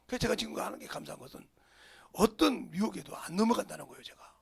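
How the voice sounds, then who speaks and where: Gravelly animated pastor, husky. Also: male voice, high voice, fast talker. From Jeolla, Korea. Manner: animated, drops to whispers for emphasis. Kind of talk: sermon.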